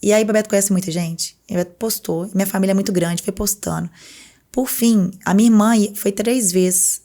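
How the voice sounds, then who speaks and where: Fast-talking woman. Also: medium pitch. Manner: animated storyteller who acts out other people's words. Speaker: podcast guest. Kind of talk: casual interview storytelling.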